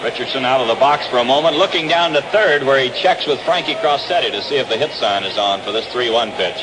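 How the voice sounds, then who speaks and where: An American man calls baseball play-by-play in a medium-pitched, fast voice, sounding like a 1960s radio sportscaster. It's an outdoor ballpark broadcast, heard through the noise of a vintage 1962 radio recording.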